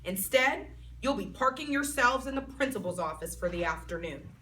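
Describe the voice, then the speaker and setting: A woman reading aloud and voicing a patient male teacher who corrects and scolds calmly. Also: a little high. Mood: stern calm. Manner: calm, measured, corrective. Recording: voice a bit far from mic, faint background noise.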